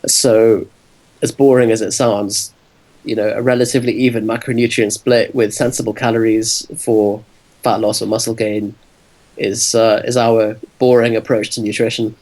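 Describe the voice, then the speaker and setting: A man's voice: lowish voice, level tone, a little mellow, low-quality recording. A man guesting on a podcast as a fitness coach, explaining steadily with plenty of ums. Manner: measured, explanatory, many ums. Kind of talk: casual interview answers.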